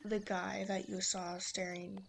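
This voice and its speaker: A woman's voice: mid-range voice, flat delivery, a little slow, creaky, a little hiss or hum. A young woman giving casual, instructive gameplay commentary as a let's play host, chatty and with many fillers.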